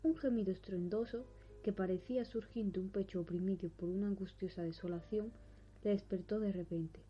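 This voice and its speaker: A woman with a breathy voice reading a horror story in a measured, solemn way. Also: mid-range voice, fairly even intonation. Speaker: narrator. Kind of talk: scripted narration of a horror story. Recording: dull recording with faint music.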